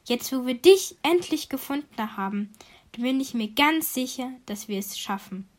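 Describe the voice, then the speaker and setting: A woman voicing a small, loyal young red fox in a storybook, speaking softly and reassuringly. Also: high voice, animated, normal speed.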